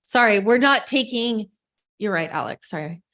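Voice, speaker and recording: A woman's voice: mid-range voice, lively intonation, moderate pace, fairly bright tone. Chatty woman coaching on a video call. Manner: chatty, loose and self-correcting, talks to the group directly. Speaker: real estate coach leading a group call.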